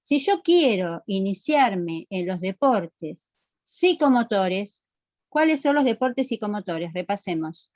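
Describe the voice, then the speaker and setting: Muffled, dry teacher. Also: female voice, medium pitch, big pitch swings, slow, a little mellow, no echo. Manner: explanatory, asks the class questions and repeats answers. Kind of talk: online class lecture with student questions.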